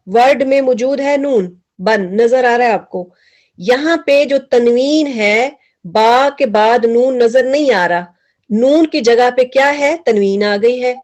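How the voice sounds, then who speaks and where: Patient female Quran teacher, slightly high voice, slow drilling questions, mixes in English words. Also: a little mellow. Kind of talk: tajweed class teaching.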